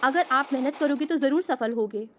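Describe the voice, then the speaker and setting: A woman teaching an English grammar lesson, patiently explaining step by step and reading out slow English example sentences. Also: high voice, fairly bright tone, muffled recording, a little hiss or hum.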